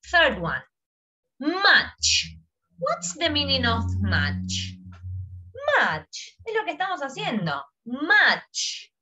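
A woman with a Rioplatense Spanish accent teaching a recorded English lesson, switching between English phrases and Spanish explanations and repeating phrases slowly. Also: a little high, sharp tone. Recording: dull lo-fi recording.

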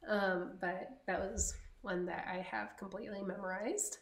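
A woman co-hosting a podcast, chatting casually and slowly about her knitting with frequent ums. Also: mid-range voice, fairly even intonation, echoey room. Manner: slow, chatty, many ums. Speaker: podcast co-host.

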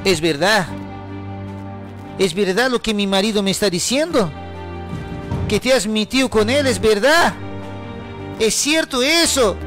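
A man voicing an angry, betrayed wife who yells insults and fires off accusing questions. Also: sits high, lively intonation, a little slow, long pauses. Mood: demanding. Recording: music playing behind.

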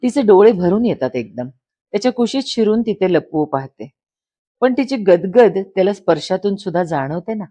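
Woman, storyteller, soft lyrical narration, unhurried. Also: mid-range voice, animated.

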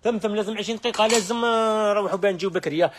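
A man with an Algerian accent running a live sales stream from a household goods shop, with rapid, repetitive calls to look at the wares. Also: high-pitched, slight background noise. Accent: Algerian Arabic.

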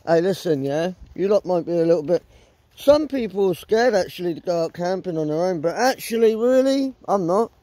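A middle-aged man with a southern English accent vlogs from a small tent in the woods at night, talking into a phone held close by hand. His high, warm voice is expressive and fairly quick as he rambles bluntly with plenty of swearing, and the recording is dry.

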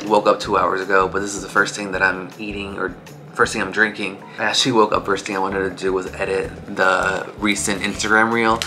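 A man's voice: low voice, flat delivery, a little fast, background noise. A young man, a flight attendant, chatting casually to his phone camera in hotel rooms, upbeat and laughing often. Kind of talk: casual vlog talk to camera.

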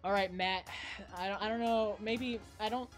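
Young woman, raging gamer, medium pitch, exasperated ranting, constant cursing, live game commentary, faint game music behind. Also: steady tone, moderate pace. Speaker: gaming streamer. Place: indoor room at home. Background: faint video game music.

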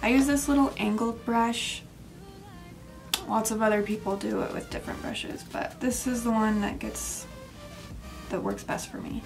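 Young woman, makeup tutorial, casual step-by-step talk, soft near-whispers at times, faint music behind. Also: a little high, fairly even intonation, moderate pace, creaky. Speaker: makeup vlogger.

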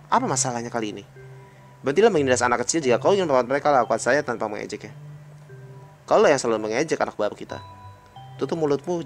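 A man reading a visual novel's dialogue aloud in his own voice, with casual remarks of his own in between. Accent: Indonesian. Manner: reads all characters in his own voice, jumps to high pitch for excited lines.

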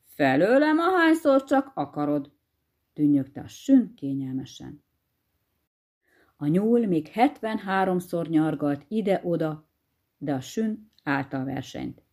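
A woman reading a fairy tale aloud, lively and expressive as a storyteller. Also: sits low.

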